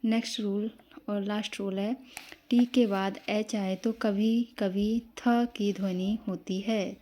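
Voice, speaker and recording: A woman teaching English pronunciation in a slow, explanatory lesson, spelling out letters one by one and answering her own questions. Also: medium pitch, steady tone, warm tone. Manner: asks the class questions, then answers them.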